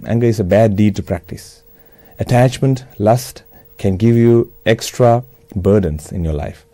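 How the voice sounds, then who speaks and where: A man with a Sri Lankan accent speaks in a mellow, relaxed tone, close and dry. He delivers a religious address in measured, simple phrases, like a teacher explaining step by step. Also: fairly low pitch, dry recording. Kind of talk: religious talk, New Year address.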